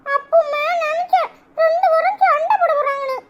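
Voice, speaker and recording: A bold, chirpy little cartoon child , put on by a woman. The voice is very high and squeaky, with a Kanyakumari Tamil accent. The kid is cheeky and loves to spill gossip. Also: steady tone, moderate pace, highs cut off.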